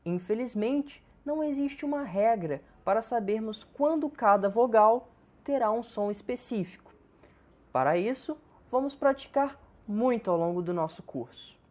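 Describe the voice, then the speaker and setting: A woman giving a scripted pronunciation lesson, speaking slowly and enunciating each word with deliberate care. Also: fairly high pitch, lively intonation, a little mellow. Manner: slow, careful, deliberate enunciation. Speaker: English teacher.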